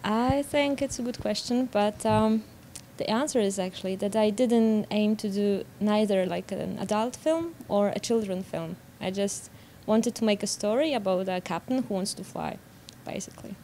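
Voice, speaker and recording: A woman's voice: medium pitch, normal speed, few pauses, warm tone. A young woman with a Polish accent giving spontaneous answers in an interview as a student animator. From Poland. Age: young adult. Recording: background noise.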